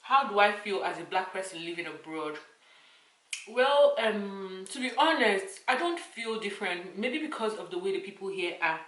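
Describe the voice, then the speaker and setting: A woman's voice: medium pitch, lively intonation, moderate pace, fairly bright tone, reverberant, far from the mic, poor audio. A young adult woman with a Nigerian accent, chatting casually to her viewers as she answers questions, telling stories with emphatic repetition. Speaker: vlogger.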